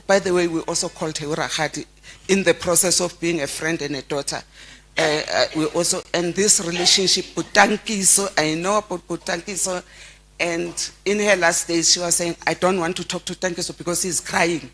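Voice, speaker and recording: A middle-aged South African woman, a close family friend, giving a heartfelt memorial tribute and telling stories with frequent halting restarts. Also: lowish voice, steady tone, a bit bright. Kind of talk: memorial eulogy.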